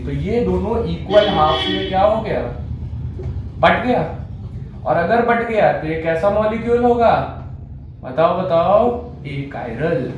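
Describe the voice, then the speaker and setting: A man's voice: fairly high pitch, heavy reverb, slight background noise, low-quality recording. A man teaching chemistry in a classroom lecture, quizzing his students and answering his own questions.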